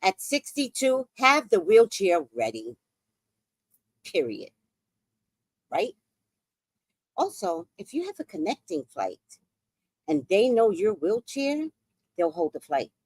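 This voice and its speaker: A woman's voice: medium pitch, big pitch swings, takes it slowly, pauses often, breathy edge, no room sound. A woman in her sixties telling a story in a casual, profane, dramatic way as a podcast host. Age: 60s.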